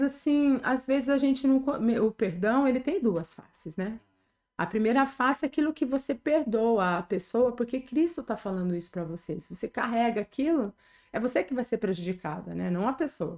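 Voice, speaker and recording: A woman's voice: a little high, a little mellow. A middle-aged Brazilian woman pastor with a Brazilian Portuguese accent, sharing a personal testimony in an earnest, conversational way and often ending sentences with a tag question.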